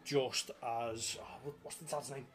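A man co-hosting a casual chat about film music, animated and acting out scenes as he tells them. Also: mid-range voice, unhurried. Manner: animated storyteller, swears freely, acts out scenes. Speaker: podcast co-host.

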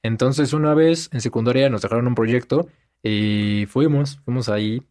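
A man's voice: medium pitch, moderate pace, a little mellow. A young man with a Mexican Spanish accent telling stories in a casual chat and animatedly mimicking other people.

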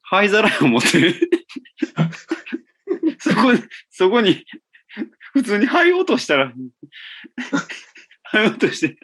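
Raspy Kansai man telling anecdotes. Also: sits high, wildly swooping pitch, slow pace, pauses often, a bit bright. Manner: anecdotal storyteller, easygoing. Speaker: podcast co-host. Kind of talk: casual chat.

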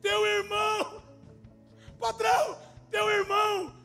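A man doing a frantic shouting farmhand. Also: very high voice, monotone, slow, creaky, soft background music, voice pushed up, full character voice. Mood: frantic glee. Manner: shouting breathless announcement. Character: frantic excited male farm servant.

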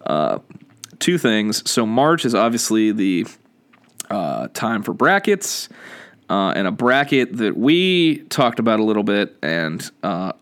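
A man's voice: on the low side, sing-song, takes it slowly, fairly bright tone, clean tone. A man from the hosting a casual podcast, rambling with many fillers and restarts and laughing often. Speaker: podcast host. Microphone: studio microphone.

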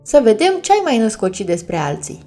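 A woman's voice: medium pitch, very animated, mellow, soft background music. A woman voicing an indignant know-it-all boy in a storybook reading, offended and threatening.

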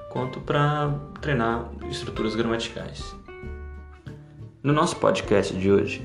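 A man with a gravelly, creaky voice hosts a language-learning podcast and explains things patiently to his listeners. The sound is echoey, with faint guitar music behind him. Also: mid-range voice. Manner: explanatory, addresses learners directly. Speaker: podcast host and English teacher.

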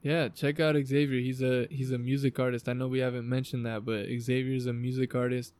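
A man's voice: medium pitch, flat delivery, brisk, darkish tone, clear, resonant tone, no room sound. A man with an American accent hosting a podcast in a backyard, chatting informally and emphatically with frequent swearing in a motivational way. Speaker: podcast host. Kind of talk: casual motivational podcast chat. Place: outdoors in a backyard.

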